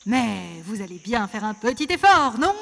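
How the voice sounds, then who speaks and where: A woman's voice: on the high side, sing-song, moderate pace, vocal fry, a bit bright, a little hiss or hum, full character voice. A woman doing a showy turkey host. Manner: showy, bossy. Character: fussy male turkey show host.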